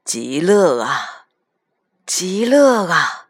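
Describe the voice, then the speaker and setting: A woman putting on a contented old grandpa, deep-set low voice, very slow drawn-out murmur, storybook reading. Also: very animated, husky, no echo, clean studio sound, exaggerated voice.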